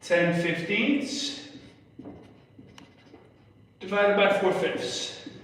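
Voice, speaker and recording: A man's voice: high-pitched, very slow, a bit bright, a little hiss or hum. A young man giving a casual, step-by-step math lesson on a livestream, repeating himself as he explains. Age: young adult. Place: indoor room with whiteboard in a public library. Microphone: phone camera a step away. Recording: echoey room, distant microphone.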